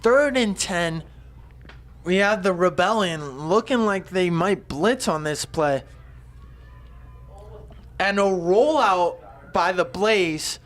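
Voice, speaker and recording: A man doing excitable, rambling color commentation on a football game. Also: high-pitched, takes it slowly, pauses often. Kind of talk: live sports commentary.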